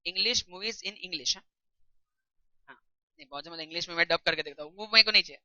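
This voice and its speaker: Bright-voiced teacher lecturing a class. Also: male voice, high voice, fast, no room sound, dull audio. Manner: conversational, asks the class questions.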